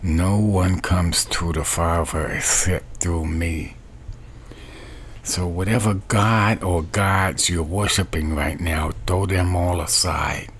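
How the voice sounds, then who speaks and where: A middle-aged man preaching a webcam sermon from a small bedroom, with a slow, repetitive preaching cadence. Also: sits low, fairly even intonation, slight background noise. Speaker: street preacher.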